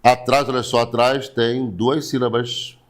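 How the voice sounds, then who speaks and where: A man's voice: medium pitch, little pitch movement, unhurried. A Brazilian man teaching an online writing class, repeating key points step by step and reading viewers' names. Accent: Brazilian Portuguese. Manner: repetitive, explains step by step, asks rhetorical questions; greets viewers by name, blesses them.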